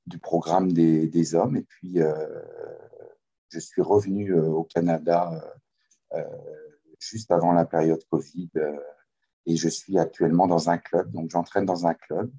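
A man's voice: deep voice, fairly even intonation, measured pace, dark tone, husky. A middle-aged man from France with a French accent lightly tinged by Quebec, a kayak coach speaking hesitantly with many fillers in a remote interview. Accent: French with a slight Quebec tinge. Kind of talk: remote interview, casual conversation. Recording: muffled video call audio.

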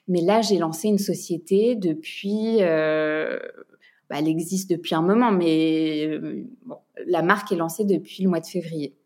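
A woman from France, a podcast guest and entrepreneur, chatting casually with many pauses and fillers, laughing now and then. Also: on the low side, darkish tone. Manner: hesitant, many fillers and restarts, laughs often. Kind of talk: casual chat.

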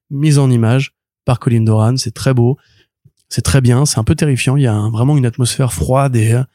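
A man chatting on a comics podcast, full of restarts and "euh" fillers. He speaks quickly, with a mellow, warm tone. The recording is dry and close. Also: mid-range voice, dry recording. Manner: rambling, many restarts and fillers, enthusiastic. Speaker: podcast co-host. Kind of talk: casual chat reviewing comics.

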